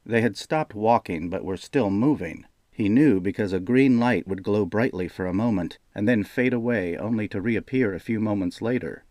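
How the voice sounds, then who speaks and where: A man reading a fantasy audiobook aloud in a steady, measured storytelling manner. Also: on the low side, dry recording, clean studio sound. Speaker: audiobook narrator. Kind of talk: scripted narration.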